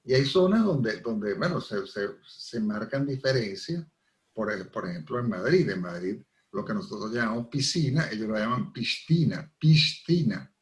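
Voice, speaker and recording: A man's voice: on the low side, expressive, normal speed. A middle-aged man with a Venezuelan accent, a language professor explaining things with examples as a radio interview guest. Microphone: radio studio microphone. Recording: echoey radio studio sound.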